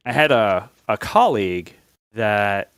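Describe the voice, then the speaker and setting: A man in his forties, a guest on a podcast, telling his story in a relaxed, self-deprecating way with many fillers. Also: fairly low pitch, slow pace, smooth, no echo. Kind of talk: casual podcast interview.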